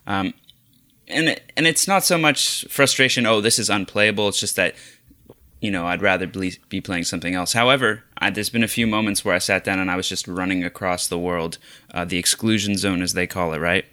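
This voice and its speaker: A man's voice: sits low, brisk, pushed and bright, dry recording. A man co-hosting a podcast, chatting casually about video games with many hesitant restarts. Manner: hesitant, lots of restarts and fillers. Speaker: podcast co-host. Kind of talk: casual gaming chat.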